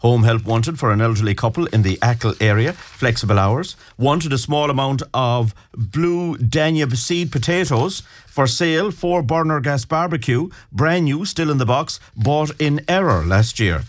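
A man's voice: medium pitch, animated, normal speed. An Irish man presenting on local radio, reading scripted notices and bulletins.

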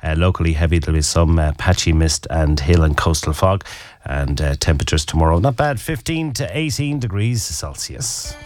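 Lowish, animated Irish male radio presenter. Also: normal speed, no room sound, studio quality. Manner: informal, hesitant ad-libbing. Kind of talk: casual live radio presenting. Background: music.

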